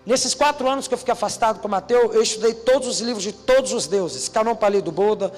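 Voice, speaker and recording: A young Brazilian man preaches to a crowd of teens, acting out every line of dialogue in his story. His voice sits high and jumps from hushed asides to shouts. Long hall reverb trails his words over faint background music. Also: fast. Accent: Brazilian Portuguese. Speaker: youth preacher. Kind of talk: preaching at a youth conference.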